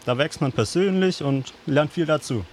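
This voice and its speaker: A young man talking as a guest on a radio show, explaining things in a relaxed, plain way. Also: fairly high pitch, normal speed, slight background noise. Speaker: guest volunteer. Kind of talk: casual radio chat.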